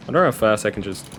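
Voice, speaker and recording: A man casually chatting with his viewers while playing a game on a relaxed livestream. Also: very deep voice, gravelly. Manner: relaxed, chatty, talks to chat. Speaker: game streamer.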